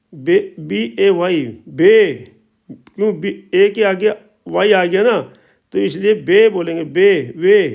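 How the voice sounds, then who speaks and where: Male teacher, high-pitched, gravelly, patient repetitive explaining. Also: a little mellow. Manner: slow, repetitive explaining with drawn-out sounds. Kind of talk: spoken language lesson.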